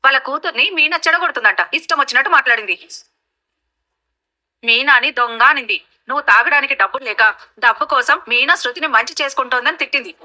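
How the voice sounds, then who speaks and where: An actress playing a blunt, fiery elder sister who makes threats in a TV serial. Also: female voice, high voice, a little fast, bright, forceful tone. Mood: indignant. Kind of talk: TV serial acting.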